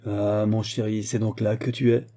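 A man's voice: on the low side, flat delivery, normal speed, dark tone, close to an everyday voice. A man doing a grumbling old grandfather. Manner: muttering, grumbling. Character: frightened, grumbling old grandfather digging for treasure.

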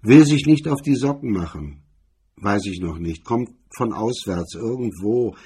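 Brief: an unflustered hard man, curt and cold, husky dark voice, a man voicing him. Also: lowish voice, measured pace, exaggerated voice. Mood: matter-of-fact. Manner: calm, curt, clipped. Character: cool, cold-spoken male gangster.

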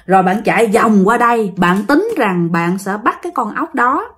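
A woman tells a ghost story chattily, talking directly to her listeners. Her mid-range voice is expressive and a bit bright, at a normal pace.

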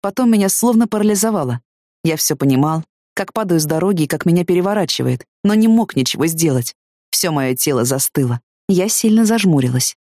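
A woman's voice: fairly low pitch, a little fast, dry recording, clean studio sound. A woman narrating a first-person novel as an audiobook, reading expressively and with feeling. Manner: expressive, emotionally engaged reading.

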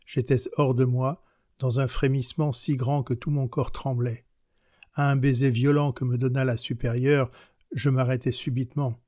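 A man reading as a passionate, worldly young countess in an audiobook of a classic novel, with a measured, unhurried delivery and a steady pitch. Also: dry recording, clean studio sound, close to an everyday voice. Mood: recounting.

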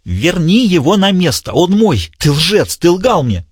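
Audiobook villain, shrill and frantic, lively pitch, dry close sound, put on by a male reader. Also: unhurried, husky, no echo, exaggerated voice. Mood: furious.

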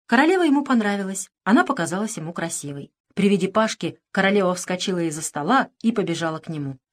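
Expressive woman reading a children's story. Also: medium pitch, fast. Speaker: audiobook narrator. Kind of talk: expressive children's audiobook narration.

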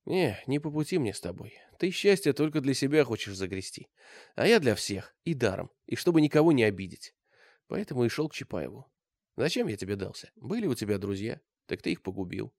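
A man voicing a young Cossack lad who speaks low and with contempt. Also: big pitch swings, a little fast, a little mellow, no room sound, studio quality. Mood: contemptuous. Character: young Cossack lad, disgusted, steady and quiet.

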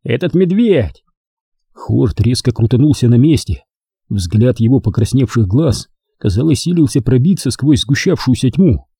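A man reading an audiobook aloud with an expressive, dramatic delivery. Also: medium pitch, normal speed, breathy edge, no echo, clean studio sound. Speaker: audiobook narrator. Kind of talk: scripted audiobook narration.

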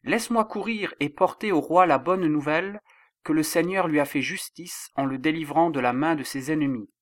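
A man's voice: a little high, normal speed, a bit bright, dry recording, clean studio sound, natural voice. A man voicing an eager young male messenger who pleads to run with the news.

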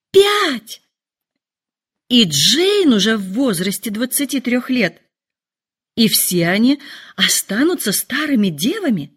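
Woman doing a gushing, shrill fretful mother. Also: fairly bright tone, slightly rough, full character voice. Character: excitable, fretful middle-aged mother.

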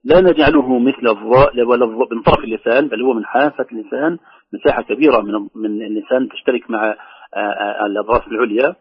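A man teaching Quran recitation, briskly explaining pronunciation and sounding out the words he corrects. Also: medium pitch, breathy edge. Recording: muffled radio broadcast sound.

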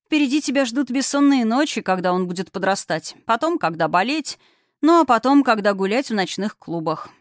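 A woman voicing a kindly, experienced woman doctor who talks in a warm, reassuring, gently amused way. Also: fairly high pitch, lively intonation, a little fast, no echo, clean studio sound, pitched above the performer's own voice, natural voice.

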